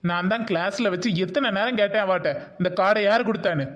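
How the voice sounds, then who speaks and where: A man's voice: high-pitched, quick pace, fairly bright tone. A man playing a stern male schoolteacher with a Tirunelveli Tamil accent, scolding in a lo-fi recording. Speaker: teacher. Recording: dull lo-fi sound.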